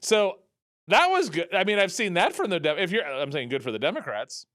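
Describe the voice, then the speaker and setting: A man's voice: sits high, big pitch swings, fairly quick, fairly bright tone, no echo, studio quality. A man hosting a political talk show, rambling and sarcastic, with many restarts. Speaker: radio talk show host.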